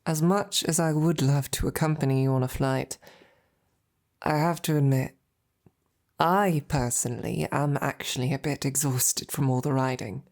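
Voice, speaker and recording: With a bass voice and a steady tone, a woman takes on the role of a gentle, devoted female knight in intimate ASMR roleplay. She's soft, breathy and tender, pausing hesitantly, and sounds coaxing and bashful.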